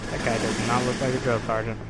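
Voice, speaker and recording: A man's voice: medium pitch, flat delivery, quick pace. A man hosting a let's play with casual, playful, joking asides about the game. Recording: clear background game noise.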